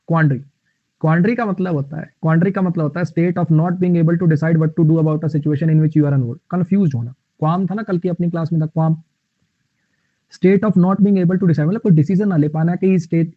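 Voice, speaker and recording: A man with a fairly high voice teaches English vocabulary in a live online class. He explains words with playful memory tricks and reads the example sentences slowly. The sound is tinny and phone-like, with no room echo.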